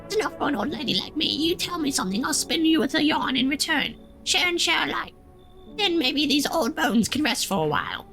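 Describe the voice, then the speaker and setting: A woman's voice: sits high, sing-song, brisk, a bit bright, soft background music, full character voice. A woman voicing a weary, sly old wandering lady who speaks in folksy riddles with a tired old voice. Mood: wheedling, weary. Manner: folksy, riddling, calls listener dearie.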